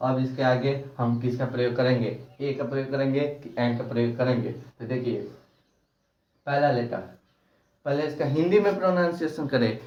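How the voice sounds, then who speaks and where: A man teaches a grammar lesson, firing questions at the class and answering them himself. His voice sits at a middle pitch and is picked up from a distance, so it sounds thin and far away. The room is echoey and the recording sounds dull and lo-fi. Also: moderate pace, darkish tone. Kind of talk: classroom lecture.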